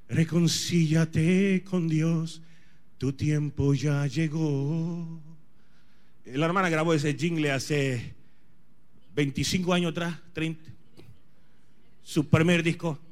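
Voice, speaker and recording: A man in his forties preaching a charismatic sermon as a pastor, speaking Spanish as a second language, emphatic and repetitive, often questioning his listeners. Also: on the high side. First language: not Spanish. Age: 40s. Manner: emphatic, repeats phrases, questions the congregation.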